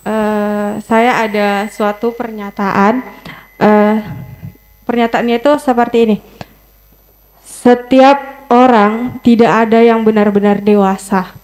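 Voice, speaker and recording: A woman from North Sumatra asking a question from the audience, careful and halting with many fillers. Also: a little high, level tone, a little mellow, low-quality recording.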